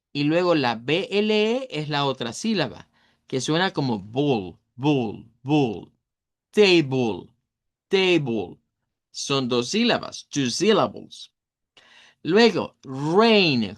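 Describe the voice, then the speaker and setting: A pronunciation teacher giving a recorded lesson, patiently explaining each word and repeating it several times. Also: mid-range voice.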